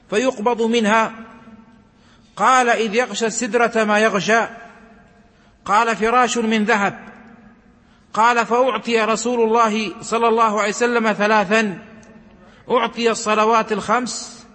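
A man reading religious narrations aloud and explaining them in a measured, recitative way, slowing down for emphasis. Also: extremely high pitch, a bit bright. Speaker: religious teacher. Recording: long hall reverb.

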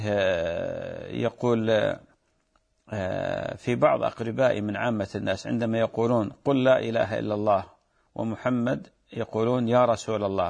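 A man's voice: medium pitch, vocal fry. A man, a preacher who earnestly exhorts his listeners, reads out viewer questions and answers them firmly. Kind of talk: religious advice and fatwa answers.

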